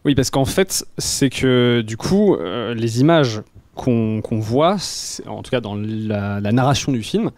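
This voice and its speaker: A man with a French accent from France, giving a casual, halting film review as a columnist. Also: medium pitch, expressive, darkish tone, dry recording. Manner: hesitant, halting explanation.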